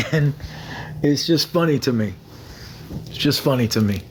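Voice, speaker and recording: This is a young man's relaxed livestream chat from his phone, full of rambling, repetition and shout-outs thanking viewers by name. He speaks at a medium pitch with lively intonation and a measured pace, against a noisy background.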